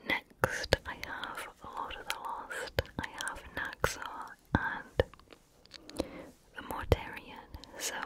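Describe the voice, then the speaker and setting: Female ASMR host, hushed ear-close whisper throughout, breathy and unvoiced, casual chatty delivery. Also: low-quality recording. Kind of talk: whispered ASMR chat about favorite music.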